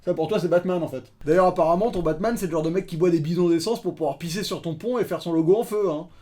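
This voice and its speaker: A man's voice: sits high, fast, warm tone. A man in a comedy sketch, sarcastically needling his writing partner with mocking questions. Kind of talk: improvised comedy sketch banter.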